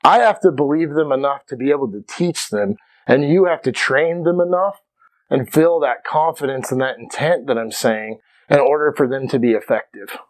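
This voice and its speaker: A man's voice: mid-range voice, moderate pace. A man teaching self-defense to camera in a casual but emphatic way, often checking in with "okay". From Irish. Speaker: martial arts instructor. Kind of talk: instructional talk to camera.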